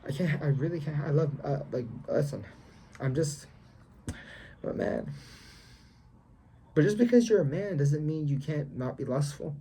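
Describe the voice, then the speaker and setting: A man's voice: on the high side, lively intonation, moderate pace, long pauses, dark tone, slight background noise. A young man vlogging about his faith in a slangy, emphatic way, repeating himself and lecturing the viewer. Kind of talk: casual faith vlog monologue.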